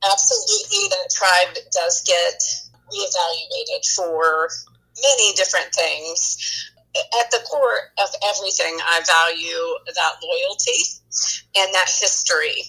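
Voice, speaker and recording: A woman's voice: fairly low pitch, very animated, slow pace, sharp tone, husky, low-quality recording. A woman turning fifty, talking reflectively in a casual conversation, with many fillers and restarts. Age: 50s. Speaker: guest.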